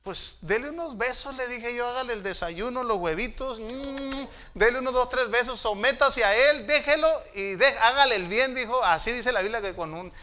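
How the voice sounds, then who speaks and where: A middle-aged man from Mexico preaching a sermon in a church, telling stories and swinging from hushed asides to raised exhortations. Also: very high voice, normal speed, hardly any pauses, a little hiss or hum. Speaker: pastor. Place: church sanctuary.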